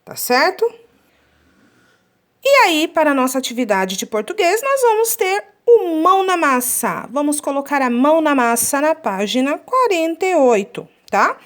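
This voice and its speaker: Woman teaching young children, lively, sing-song delivery, drawing out syllables and checking in with the class. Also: high voice. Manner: slow, drawn-out syllable counting; checks with "tá?" often. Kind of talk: children's lesson.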